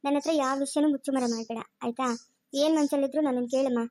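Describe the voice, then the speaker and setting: A woman's voice: high voice, fairly even intonation, quick pace, darkish tone, natural voice. A woman playing a pleading, anxious mother. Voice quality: emotional, pleading. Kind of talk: amateur family drama acting.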